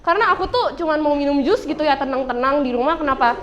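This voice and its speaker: A woman's voice: sits high, fast, lo-fi sound, a little hiss or hum. A girl telling a stand-up comedy story in a classroom, chatty and giggly. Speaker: student comedian.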